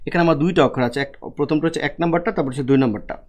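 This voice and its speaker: Teacher with a higher man's voice. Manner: repeats questions and answers them himself, spells out syllables slowly. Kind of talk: online lecture on Bengali prosody.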